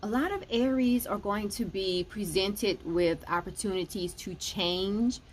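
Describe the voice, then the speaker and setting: A woman's voice: mid-range voice, a little slow, slight background noise. A woman giving a casual weekly astrology and tarot forecast, explaining each point and often saying "okay" between them.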